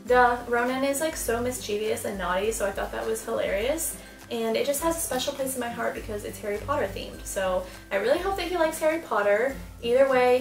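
Seated in front of louvered doors in a small indoor room, a young woman who vlogs as a mom chats casually about baby clothes in a haul video. Her fairly high voice has a gravelly texture, and the distant mic catches lots of room echo. She gushes bubbily, leaning heavily on "super" and "like."

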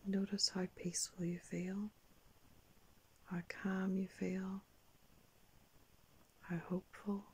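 An older woman narrating a guided meditation like a sleep story, in a soft, breathy whisper, calm and unhurried with long pauses. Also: mid-range voice, rough recording. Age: older, around 60s. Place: small indoor room.

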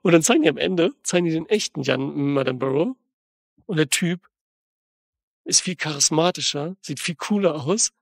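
A man hosting a film podcast, rambling excitedly and slangily as he retells and tears apart a movie in casual chat. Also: on the high side, moderate pace, gravelly, no room sound, clean studio sound.

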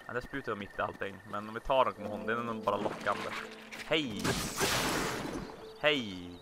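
A man casually commenting on his own gameplay, chatty and excitable, talking to himself as he plays. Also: fairly low pitch, over a noisy crowd. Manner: chatty, excitable, talks to himself while playing. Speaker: let's play host. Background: video game music.

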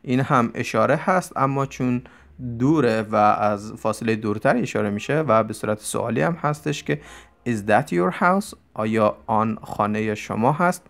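A man gives an English vocabulary lesson in Persian, his voice gravelly and textured. He talks through explanations at a quick clip, then slows right down to read each English example carefully. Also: mid-range voice. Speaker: English teacher.

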